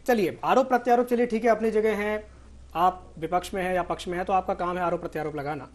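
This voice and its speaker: A male news anchor moderating a televised political debate, cutting in to keep the panel in order. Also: sits high. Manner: brisk, interrupting to keep order.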